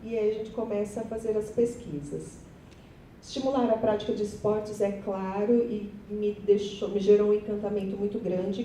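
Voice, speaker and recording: A woman teacher with a Brazilian Portuguese accent presents her class project to fellow teachers, chatty and nervous, often turning to the audience. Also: warm tone. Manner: nervous, chatty, self-deprecating, addresses audience. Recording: echoey hall, voice from far off, faint rumble.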